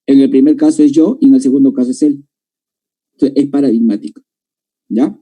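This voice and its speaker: A man's voice: medium pitch, fairly even intonation, brisk, dark tone, breathy edge, poor audio. A man teaching a grammar lesson to a class, explaining step by step and often checking that students follow.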